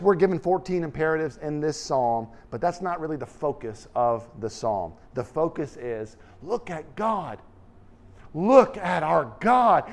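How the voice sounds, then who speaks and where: A middle-aged man preaching a sermon in a church hall, animated and gesturing, swinging from loud emphasis to quiet asides. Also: on the high side, vocal fry. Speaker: pastor.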